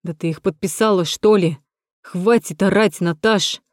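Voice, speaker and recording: A woman's voice: medium pitch, a little slow, dry recording, studio quality, natural voice. A woman voicing a young man who bluntly argues back at his girlfriend in an audiobook. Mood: exasperated.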